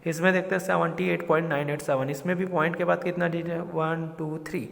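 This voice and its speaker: A man's voice: fairly high pitch, flat delivery, quick pace, gravelly, big-room sound. A man teaching a school math lesson, explaining step by step and keeping the class on track with questions and a repeated "theek hai".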